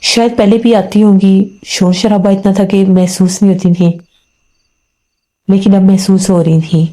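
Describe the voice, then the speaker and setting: A woman's voice: medium pitch, level tone, dark tone. A woman narrating a first-person horror story in a loose, conversational way, often repeating and restarting phrases.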